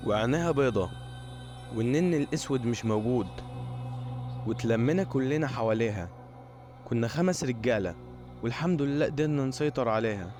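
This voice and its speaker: A medium-pitched man with an Egyptian Arabic accent narrates a scripted first-person horror story in a steady storytelling voice.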